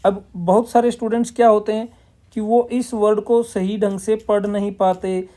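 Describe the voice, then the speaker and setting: Teaching at normal speed in a high, mellow, level voice, this Punjabi man delivers a classroom-style explanation. He mixes English terms into his Hindi and asks questions only to answer them himself.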